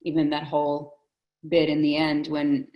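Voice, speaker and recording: A woman's voice: low-pitched, monotone, moderate pace, dull audio. A woman from the Soviet Union in a casual film discussion, talking thoughtfully and hedging her opinions. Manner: thoughtful, hedging, restarts often. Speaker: discussion guest.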